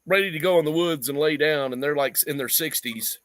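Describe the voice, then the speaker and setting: A lively man with a fairly high voice spins a story in casual chat, laughing along and putting on little voices for the people in it. His mic is close and dry, with no room sound around him. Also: a little fast, dry recording. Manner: animated storyteller, laughs often, mimics voices. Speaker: podcast co-host.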